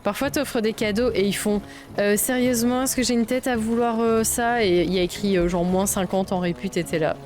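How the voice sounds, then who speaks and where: With faint game music behind her, a young Belgian streamer chats casually as she plays, reasoning aloud and swearing a lot. Her medium-pitched voice is a little mellow, fairly quick, and fairly even in intonation.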